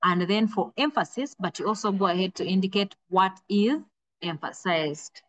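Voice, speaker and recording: A woman teaching a literature revision lesson, earnest and steady, often repeating a word while she thinks and drawing key words out slowly. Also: medium pitch. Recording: dull lo-fi recording.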